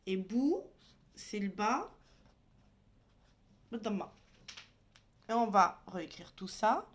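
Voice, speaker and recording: A woman's voice: mid-range voice, big pitch swings, takes it slowly. A woman teaching a beginners' language lesson, patiently spelling out each letter and sound as she writes. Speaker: Arabic teacher. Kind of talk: slow step-by-step lesson.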